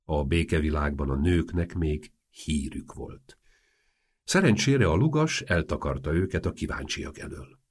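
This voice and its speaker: A man narrating a humorous novel in an expressive, wry audiobook reading. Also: a bass voice, husky.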